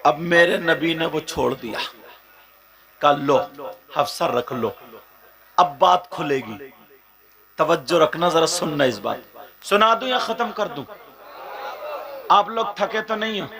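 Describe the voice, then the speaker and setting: A man delivering an emotional religious sermon to a live gathering, questioning the crowd and rising from soft asides to shouted, half-sung passages. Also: on the high side, slow, pauses often. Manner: keeps questioning the audience directly. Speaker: preacher. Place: stage before a live gathering.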